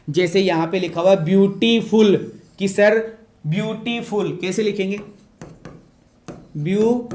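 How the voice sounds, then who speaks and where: A man teaches in a lecture voice that sits high for a man. He repeats each point and answers his own questions. The room around him sounds echoey. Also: darkish tone. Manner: repetitive, asks questions and answers them himself. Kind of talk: classroom-style lecture.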